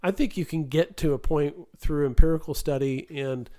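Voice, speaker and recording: A man's voice: a little high, moderate pace, warm tone. Chatty joking male podcast co-host. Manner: chatty, joking, many restarts. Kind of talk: casual philosophy discussion.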